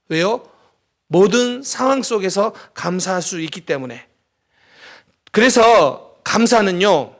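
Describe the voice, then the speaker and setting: A middle-aged man preaching a sermon as pastor, telling stories with dramatic pauses and emphasis. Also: sits high, a bit bright.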